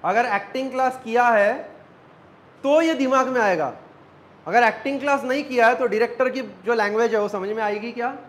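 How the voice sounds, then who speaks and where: A man's voice: very high voice, a little fast, fairly bright tone, low-quality recording. A man, an acting coach teaching a class, quizzing students and joking with them.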